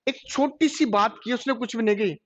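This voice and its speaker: Speaking a little fast in an extremely high voice, a man teaches a computer class, throwing out questions and answering them himself. The recording of the classroom is dull and lo-fi.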